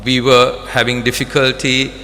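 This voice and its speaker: Sri lankan accent guy doing a formal official speech, bright forceful voice, big echoey hall with some noise. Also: mid-range voice, monotone, moderate pace. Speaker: government or defence official speaking at a ceremony. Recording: reverberant hall, clear background noise.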